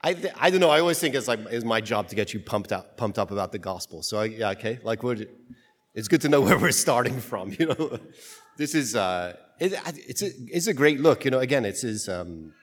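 A man's voice: mid-range voice, animated, brisk. Man, American accent, priest at the pulpit, mid-range voice, big reverberant church, cathedral echo. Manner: casual, joking, loosely rambling in homily. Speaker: priest preaching at Mass. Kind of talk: liturgical reading and informal, conversational homily.

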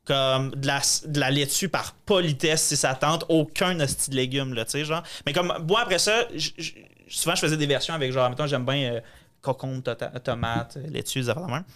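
A man's voice: medium pitch, brisk, a bit bright. A man with a Quebec French accent chatting casually on a podcast, rambling with many hesitations. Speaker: podcast guest. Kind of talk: casual chat.

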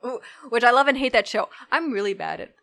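Woman guest for a casual podcast chat, animated and quick with asides, dry close mic. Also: a little high, vocal fry, dry recording.

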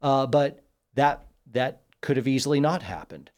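A man's voice: medium pitch, expressive, normal speed, a little mellow. A man in his forties hosting a casual podcast chat, talking in a blunt, folksy and emphatic way. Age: 40s. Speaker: podcast host.

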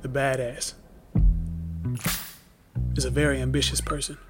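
A male actor with a medium-pitched voice plays a young man who was wrongly jailed, recounting his story in a halting, reflective monologue for a documentary audio drama.

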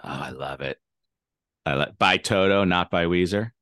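Male podcast host, very deep pitch, casual and enthusiastically affirming. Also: moderate pace, a bit bright, no room sound, studio quality. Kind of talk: casual podcast interview chat.

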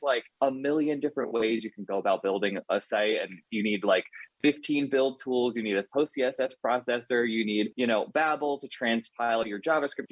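A man's voice: medium pitch, no echo, muffled recording. A man guesting on a podcast as a front-end engineer, chatting casually and poking fun at himself with lots of "like". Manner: chatty, self-deprecating, lots of "like".

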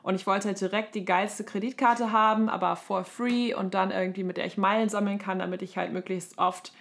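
A woman's voice: medium pitch, fairly even intonation, fairly quick, vocal fry. A woman in her thirties from Germany co-hosts a podcast, chatting colloquially in anecdotes and mixing in English terms. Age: 30s. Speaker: podcast co-host. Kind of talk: casual conversational podcast chat.

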